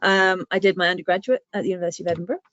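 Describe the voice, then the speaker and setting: A southern English woman with a matching accent gives a webinar presentation as a guest speaker and public engagement manager, talking very fast in a lowish, fairly bright voice with little pitch variation. She is chatty, says um often and makes self-deprecating asides. The video-call audio is dry, muffled and echo-free.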